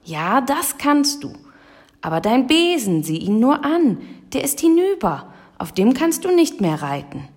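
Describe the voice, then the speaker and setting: A woman reading aloud and voicing a grumpy, scolding male raven in a children's audiobook, her voice gravelly. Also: fairly low pitch, animated, a little slow. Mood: exasperated. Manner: scolding, croaking.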